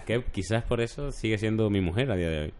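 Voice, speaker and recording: A man, hosting a casual podcast chat and telling stories in a relaxed way. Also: lowish voice, quick pace, a little hiss or hum. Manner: relaxed storytelling, laid-back. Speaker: podcast host.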